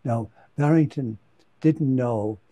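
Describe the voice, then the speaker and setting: Male priest, storytelling homily, mellow dark voice, hesitant, fillers and repeats. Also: medium pitch, slow pace, no room sound, highs cut off.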